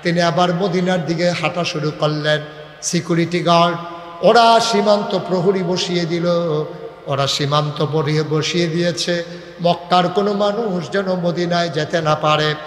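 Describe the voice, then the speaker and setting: Man preaching a sermon, high voice, chanting and shouting, echoey loudspeaker sound. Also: fairly even intonation, normal speed. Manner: sing-song storytelling preaching, rising to loud shouts.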